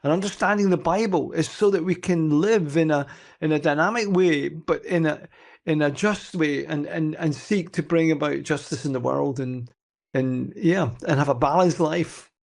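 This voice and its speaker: A man's voice: fairly high pitch, moderate pace, vocal fry. An older man co-hosting a faith podcast, talking enthusiastically and rambling with many restarts. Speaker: podcast co-host. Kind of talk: casual faith podcast chat.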